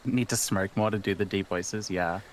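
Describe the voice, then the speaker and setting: A man's voice: low voice, steady tone, normal speed, slight background noise, poor audio. A man chatting casually as a streamer who voices game characters.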